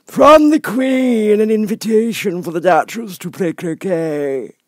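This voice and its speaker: High, pompous creature footman. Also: dry recording, clean studio sound. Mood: solemn. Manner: slow, ceremonious proclaiming. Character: solemn, pompous fish footman and his frog echo.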